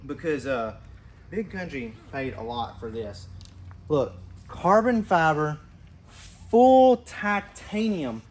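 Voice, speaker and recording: A man casually showing off a custom motorcycle, talking fast and animated to his viewers, hyping each part and calling himself by a nickname in the third person. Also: fairly high pitch, a little hiss or hum. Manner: fast, animated, hypes parts and talks to viewers. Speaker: motorcycle builder and channel host. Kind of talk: casual walkaround show-and-tell.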